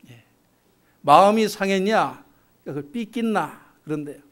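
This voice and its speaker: A man preaching in a church, speaking slowly and deliberately with a clear, smooth voice. He poses rhetorical questions to his listeners and sits fairly high for a man. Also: lively intonation. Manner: measured, rhetorical questions to the congregation. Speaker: pastor. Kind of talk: sermon. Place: church sanctuary.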